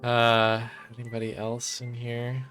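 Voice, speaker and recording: A man's voice: mid-range voice, monotone, a little slow, a bit bright. A man streaming a video game, making joking, rambling asides. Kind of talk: casual let's-play commentary. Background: faint game music.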